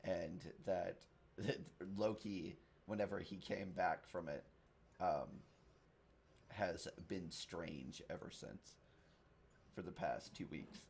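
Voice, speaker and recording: Male game master, low gravelly voice, halting casual improvised narration. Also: fairly even intonation, darkish tone. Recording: faint background noise.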